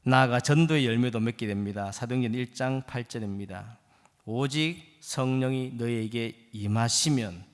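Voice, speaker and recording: A man in his fifties, a guest pastor preaching a sermon with impassioned, rising exhortation in a church sanctuary. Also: mid-range voice. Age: 50s. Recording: long church hall reverb.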